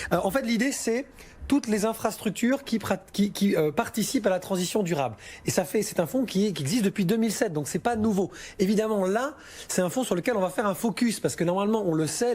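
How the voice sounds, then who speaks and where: A man's voice: high-pitched, darkish tone, a little hiss or hum. A man working as a financial adviser, explaining investments on a listener question show in a chatty, informal way with frequent hesitations.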